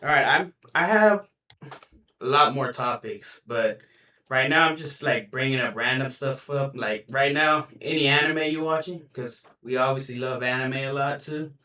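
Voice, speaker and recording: A young man talks loosely and casually on a homemade podcast, rambling with filler words. His voice is bright and sits a little away from the mic. The room rings with noticeable echo. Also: mid-range voice, moderate pace, distant mic. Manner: laid-back, rambling, lots of "you know". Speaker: podcast co-host. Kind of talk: casual chat. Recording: roomy, a bit off-mic.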